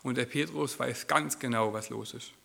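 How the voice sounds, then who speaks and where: A man's voice: mid-range voice, moderate pace, creaky, a bit bright. A man preaching a sermon in church, acting out quoted lines with a shifting voice.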